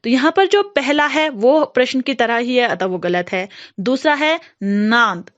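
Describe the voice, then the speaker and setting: High-voiced woman teaching a grammar lesson. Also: very animated, muffled recording. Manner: slow, explanatory, frequent fillers.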